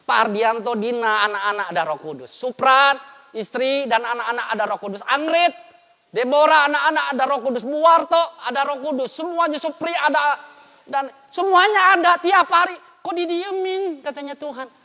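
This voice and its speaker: An older man, a pastor, preaching a sermon in a lively way with big swings in loudness. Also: very high-pitched, moderate pace. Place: church. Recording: dull, lo-fi church recording with long reverb.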